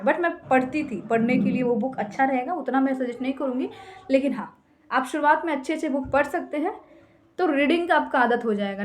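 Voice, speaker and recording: A woman's voice: high-pitched, a little hiss or hum. A young Indian woman giving emphatic, repetitive tips to English learners, mixing Hindi and English. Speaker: English teacher. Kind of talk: casual tutorial talk.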